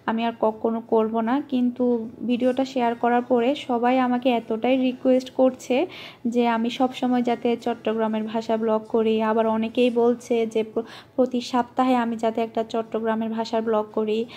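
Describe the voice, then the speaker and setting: A woman's voice: on the high side, little pitch movement, normal speed, mellow. A woman vlogger from Bangladesh chatting casually while she cooks in her home kitchen, in a homely, rambling way. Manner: chatty, homely, with frequent fillers. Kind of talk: casual cooking vlog narration.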